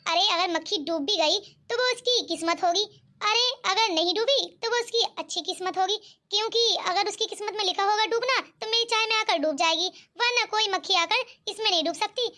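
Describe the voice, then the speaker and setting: Anxious newlywed daughter-in-law in a cartoon, voiced by a woman; very high and bright. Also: fairly quick. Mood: worried. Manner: nervous, polite. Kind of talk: cartoon voice acting.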